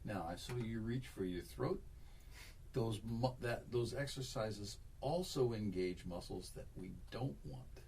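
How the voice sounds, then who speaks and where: A man's voice: lowish voice, unhurried, creaky, darkish tone, distant mic, slight background noise. A man giving a one-on-one singing lesson, coaching and demonstrating exercises, repeating himself as he explains. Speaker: voice teacher.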